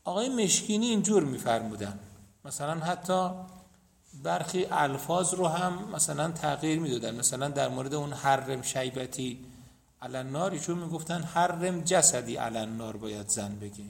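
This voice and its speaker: A gravelly, fairly high-pitched male voice with lively intonation leads a seminary class on hadith. He recites chains of narrators in Arabic, then breaks them down for his students one step at a time.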